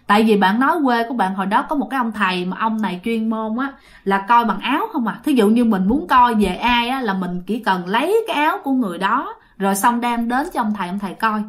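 A woman's voice: fairly high pitch, animated, fast, fairly bright tone. A woman retelling a ghost story in a chatty way, often addressing her listeners directly.

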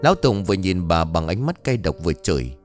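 A man reading an audio story aloud in an expressive, dramatic narration style. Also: low-pitched, fast, faint music behind.

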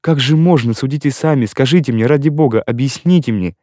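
A man narrating an audiobook portrays a young girl, heartbroken and in tears, whose pleas and protests come out distraught and breathless. His mid-range voice is warm, close to an everyday voice, and delivered at normal speed in studio quality with no echo.

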